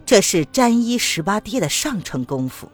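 Expressive woman narrating a martial-arts novel. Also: mid-range voice, normal speed, soft background music. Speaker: audiobook narrator.

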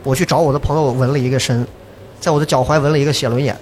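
A man's voice: medium pitch, rapid-fire, a little hiss or hum. A middle-aged man hosting a casual podcast chat, joking and acting out quotes as he tells stories. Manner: joking, animated storyteller who acts out quotes. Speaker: podcast host.

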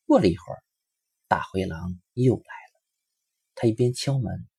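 Man, children's story narration, husky voice, very lively pitch, dry close sound. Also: moderate pace, no echo. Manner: expressive, rising and falling storyteller delivery.

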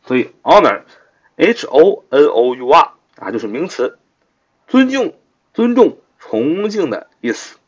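A man teaching English vocabulary in a recorded lesson, repeating words and spelling them out letter by letter. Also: a little high. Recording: dull lo-fi recording.

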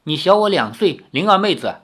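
A man voicing a proud, quick-tempered teenage swordswoman in a storybook reading, sharp and quarrelsome. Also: sits high, very animated, pitched above the performer's own voice, heavily acted. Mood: huffy.

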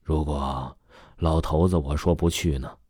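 A stern old fortune-teller grandfather, grave and commanding in a spoken storybook, as a man puts him on. The voice sits very deep and dark, dropping low and quiet. It is recorded dry and close. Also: steady tone, normal speed, husky, no echo. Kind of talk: audio storytelling.

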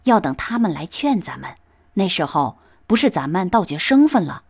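A woman's voice: medium pitch, sing-song, moderate pace. A woman voicing a playful teenage boy who cheerfully coaxes and pleads with his sulking cousin in a storybook reading. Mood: coaxing.

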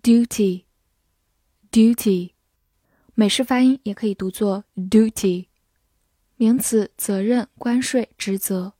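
Slow, mellow woman drilling vocabulary. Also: mid-range voice, no echo, studio quality. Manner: repeats each English word twice, then gives Chinese meanings. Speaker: English vocabulary teacher.

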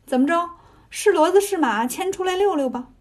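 A woman's voice: very high voice, lively intonation, a little fast, voice pushed up. Sun Wukong, put on by a woman: a cocky, teasing monkey king. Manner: teasing, swaggering.

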